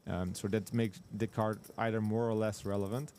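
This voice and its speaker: A man's voice: on the low side, fairly even intonation, moderate pace, a little mellow, slight background noise. A man commentating live poker, breaking down hand strategy in detail with frequent restarts and repeated agreement.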